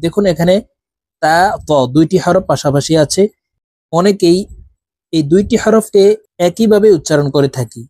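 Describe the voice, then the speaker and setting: A man teaching Quran reading, chanting Arabic letters one by one in long drawn-out tones for viewers to repeat. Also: on the high side, mellow, dry recording. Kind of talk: Arabic letter pronunciation lesson.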